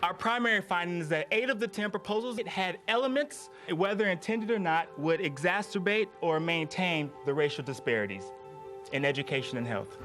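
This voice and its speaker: Slightly high-voiced male researcher, reverberant. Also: brisk, pushed and bright, faint music behind. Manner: explanatory, with fillers and repeats. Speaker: policy researcher. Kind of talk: documentary interview.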